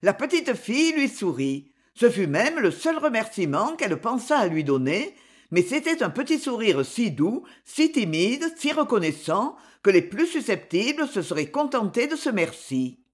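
A husky, breathy narrator reading a children's story aloud, the pitch moving lively through each sentence. the delivery is expressive and story-focused. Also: normal speed.

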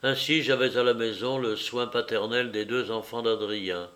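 A man reading a novel aloud as an audiobook narrator, in a measured, deliberate manner. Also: mid-range voice, steady tone, fairly bright tone.

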